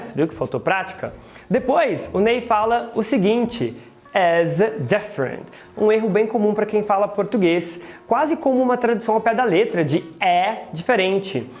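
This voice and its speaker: A woman's voice: medium pitch, a little mellow. A Brazilian woman with a Brazilian accent who teaches English pronunciation in a chatty video lesson and drills words by repeating them. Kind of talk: lively video lesson commentary.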